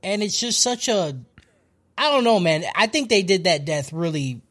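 A man's voice: high-pitched, lively intonation, moderate pace, fairly bright tone. A young man in a casual group chat, joking around with slang and swearing.

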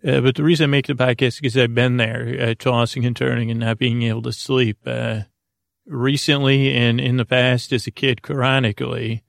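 Recorded close and dry with no echo, a bedtime podcast host speaks in a very creaky, low-key voice that barely moves in pitch. He rambles in a halting, lulling way, wandering into digressions before circling back.

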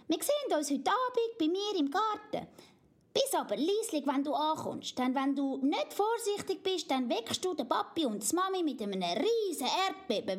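A small stubborn princess chatters eagerly in a very high, bouncing voice with a Swiss German accent, as a woman puts her on in a storybook. She pleads and insists, swinging up and down with every phrase. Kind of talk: storybook reading.

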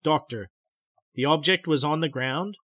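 Guy doing a calm doctor, quiet, lower, just asking questions. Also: unhurried, dry recording, clean studio sound. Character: calm male psychiatrist questioning a patient.

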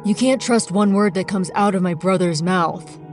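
A woman voicing a modest, gentle young male healer in a kids' story. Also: medium pitch, normal speed, faint music behind, natural voice. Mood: reassuring. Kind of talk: storybook podcast acting.

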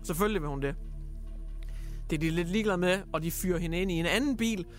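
Livlig mand med høj stemme. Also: male voice, sits high, soft background music. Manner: animated storyteller, acts out quotes, many fillers. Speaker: radio host. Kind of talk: casual chat, retelling news stories.

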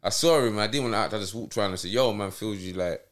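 A man's voice: on the low side, fast. A man with a South London accent chatting casually as an interview guest, using street slang and often checking the listener follows. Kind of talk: casual anecdotal chat.

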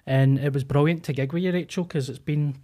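A man's voice: a little high, steady tone, a little fast, mellow. A man with a Glaswegian accent chatting casually, blunt and sweary, in colloquial Scots. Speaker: stand-up comedian and podcast host. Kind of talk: casual chat.

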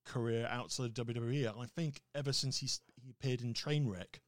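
A man's voice: medium pitch, fairly quick, no echo, studio quality. A man co-hosting a podcast in casual chat, laughing often and restarting his sentences. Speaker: podcast co-host.

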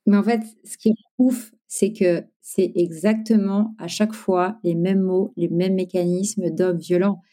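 A woman's voice: fairly low pitch, steady tone, measured pace, few pauses, mellow. A woman hosting an interview podcast, adding short supportive remarks. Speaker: podcast host.

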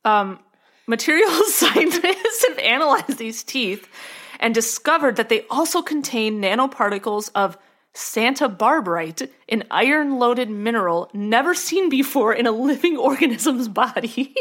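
Reading a science article on a podcast she co-hosts, this woman speaks a little slowly in a higher, fairly bright voice with lively intonation. The chat is casual and full of fillers, and she keeps dissolving into giggles.

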